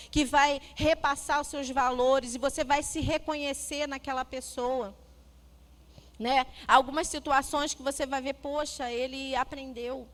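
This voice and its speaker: A middle-aged Brazilian woman, a psychologist, giving a lively church talk on parenting and acting out family dialogue as she tells stories. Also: sits high. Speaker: guest speaker, psychologist.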